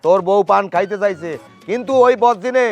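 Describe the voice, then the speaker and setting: Man, Barishal Bengali accent, bossy chanting fake healer, high voice, faint music. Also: a little fast, dull audio. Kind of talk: comic sketch acting.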